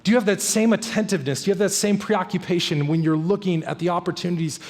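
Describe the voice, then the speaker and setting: High-voiced man preaching a sermon. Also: fast, a little mellow, in a large hall. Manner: earnest, emphatic preaching with repeated phrases. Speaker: pastor. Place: church sanctuary.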